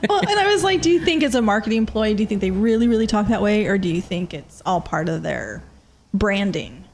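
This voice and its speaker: A woman's voice: mid-range voice, lively intonation, a little fast, slight background noise. A woman hosting a radio show in casual chat, asking her guests questions. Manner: chatty, asks guests questions.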